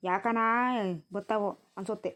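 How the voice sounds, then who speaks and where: A woman voicing a tired, sharp-tongued village grandmother in a cartoon, nagging and scolding. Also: medium pitch, steady tone, normal speed, lightly acted. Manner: nagging, scolding rural speech. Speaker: grandmother tending a newborn.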